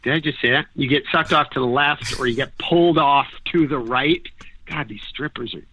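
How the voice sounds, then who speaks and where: A man's voice: mid-range voice, fairly quick, breathy edge. A man from Canada, in his thirties, telling rambling, jokey stories in casual podcast talk. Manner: animated, jokey, rambling storyteller. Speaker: guest snowboarder. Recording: dry, tinny phone-like audio.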